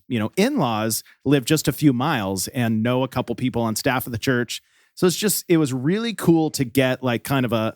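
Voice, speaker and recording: Male co-host, casual and rambling, mid-pitched, close and dry. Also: no room sound. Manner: chatty, rambling storyteller with many fillers. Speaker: podcast co-host. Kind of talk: casual chat.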